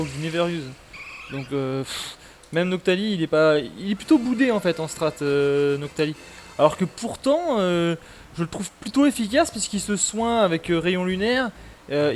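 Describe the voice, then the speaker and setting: A man's voice: high-pitched, slight background noise. A man chatting casually on a gaming stream, rambling with lots of fillers.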